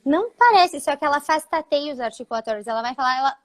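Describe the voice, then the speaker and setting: A woman's voice: sits high, fast, a bit bright. A woman speech therapist, explaining patiently in a live talk, with frequent fillers.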